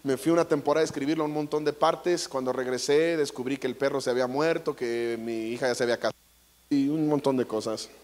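A man with a Mexican accent giving a comic inspirational talk to an audience, an animated, jokey storyteller who acts out voices. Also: medium pitch, fast. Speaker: motivational speaker. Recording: echoey large hall.

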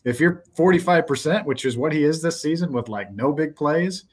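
Husky-voiced man on a podcast call. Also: on the high side, fairly quick. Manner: animated, blunt, frequent fillers. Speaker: sports podcast host. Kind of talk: casual postgame chat. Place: small indoor office. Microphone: headset on a video call.

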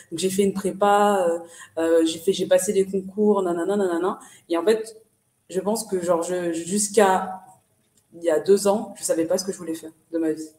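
A woman's voice: on the low side, warm tone, distant mic. Young woman from the Paris region, casual and chatty, set back from the mic in an echoey room. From Paris region, France. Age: 20s. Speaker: guest entrepreneur. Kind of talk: casual interview answers. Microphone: shared webcam on video call.

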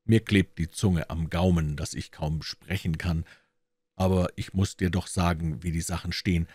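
A man voicing a starving, weary man near death, speaking gently and in a murmur. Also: deep voice, fairly even intonation, normal speed, husky, dry recording. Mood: tender. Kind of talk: audiobook character voice.

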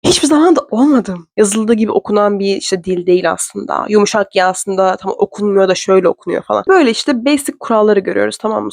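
A young woman from Turkey telling a story to camera in a chatty, fast, self-mocking way. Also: medium pitch, a little mellow, no echo. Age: young adult. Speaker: vlogger. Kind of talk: casual storytelling vlog. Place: indoor room.

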